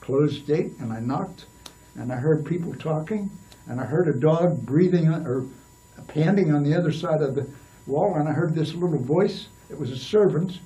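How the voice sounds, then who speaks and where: An older man recounts stories in an interview, his voice a little high but mellow. He wanders and restarts often. The mic sits some distance away. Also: moderate pace, lo-fi sound. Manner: rambling, with many restarts and fillers. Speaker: interview guest. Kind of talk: storytelling in a casual interview.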